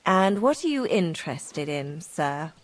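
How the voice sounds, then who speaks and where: A brothel madam in a game, welcoming but all business, real lively up-and-down voice. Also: female voice, low-pitched, measured pace. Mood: businesslike welcome. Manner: brothel madam, politely flattering but firm about money. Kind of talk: video game dialogue.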